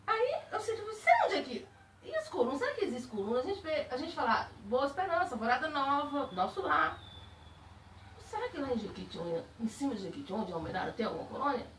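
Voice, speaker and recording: Animated woman telling a spiritual story. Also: high voice, fast talker, a little hiss or hum. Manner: animated storytelling, laughing while recalling. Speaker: spiritist speaker. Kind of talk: personal testimony to a group. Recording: echoey room, distant mic.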